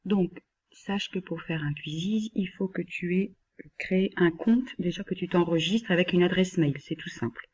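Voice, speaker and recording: A woman instructor walking a colleague through a screen-recorded software tutorial, patient and step-by-step, talking directly to him and sometimes dropping to a near whisper. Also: lowish voice, moderate pace, breathy edge, dull audio.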